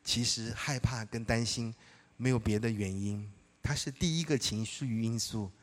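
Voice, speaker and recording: A middle-aged male pastor preaching a sermon, telling personal stories in a lively way, acting out dialogue and often laughing. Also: medium pitch, moderate pace.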